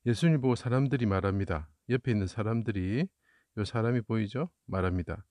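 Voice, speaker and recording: A man's voice: fairly low pitch, fairly quick, darkish tone, no room sound. Man, Bible teacher, explanatory lesson, rhetorical questions, dry close sound. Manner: explanatory, asks rhetorical questions and answers them.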